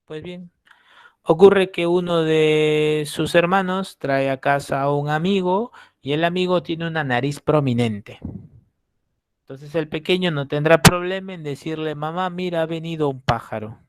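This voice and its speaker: A man's voice: fairly high pitch, unhurried, clear, resonant tone, no echo. Man teaching exam prep. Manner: explanatory, checks in with "¿sí?". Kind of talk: lecture with acted examples.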